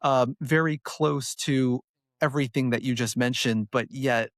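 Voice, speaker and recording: A man from Connecticut, USA, hosts a podcast interview, asking long questions that wander and correct themselves. His voice is medium-pitched, unhurried and fairly bright, captured in a dry, clean studio recording.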